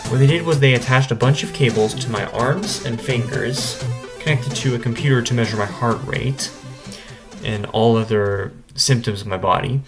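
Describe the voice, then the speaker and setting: A man's voice: mid-range voice, moderate pace. A man vlogging, casually telling a personal story to camera in a conversational way. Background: instrumental music.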